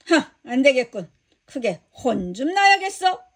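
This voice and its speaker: A woman's voice: high voice, very animated, a little slow, breathy edge, exaggerated voice. A woman doing a grasping male servant. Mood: harsh. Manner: whiny begging and harsh shouting. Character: grasping male servant, pleading then bullying.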